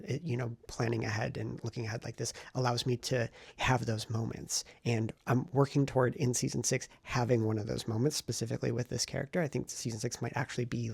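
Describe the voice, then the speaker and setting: A writing vlogger and novelist with a heavily fried, husky, mid-range voice that's a little mellow talks loosely in a casual talking-head vlog. He thinks aloud and circles back over his points in a self-reflective ramble. The sound is dry, with very little room and no echo.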